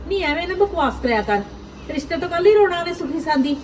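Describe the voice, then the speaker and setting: Actress as high-voiced village mom, blunt and scolding, echoey room. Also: female voice, lively intonation, quick pace, a little hiss or hum. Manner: scolding, blunt, rhetorical questions. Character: stern village mother, scolding and worried.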